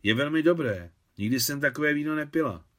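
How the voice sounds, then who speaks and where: A man's voice: a little high, expressive, a bit bright. A man voicing a shy young working-class woman who talks plainly and artlessly in an audiobook. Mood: candid.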